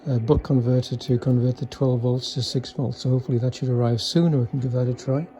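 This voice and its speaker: In an informal, off-the-cuff demo, a man who tinkers with electronics presents a vintage car radio he fixed, sounding tentative, low-key and technical. He has a medium-pitched, steady, warm voice and talks at a quick pace.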